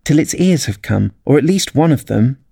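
A man's voice: mid-range voice, expressive, moderate pace, gravelly, warm tone, husky, no room sound, studio quality, voice pushed up. A man reading aloud voices a polite, anxious young girl with a prim, complaining way of talking. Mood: fretful.

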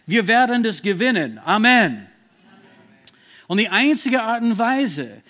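A man preaching a sermon, stressing Bible verses slowly and emphatically, sometimes restarting as he searches for words. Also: high-pitched, fairly bright tone.

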